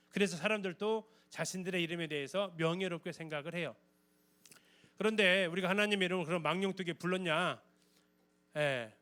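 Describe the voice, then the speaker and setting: A man's voice: high voice, a bit bright. A man giving a church Bible lecture, explaining in a conversational way and often asking the audience questions.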